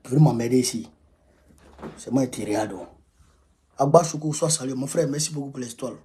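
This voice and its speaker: Man, emphatic live-stream host, mellow dark tone, repeats himself to rally people. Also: mid-range voice, fairly quick, a little hiss or hum. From Côte d'Ivoire. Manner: emphatic, repeats phrases, exhorting. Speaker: livestream host rallying supporters. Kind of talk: casual live-stream address. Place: at home.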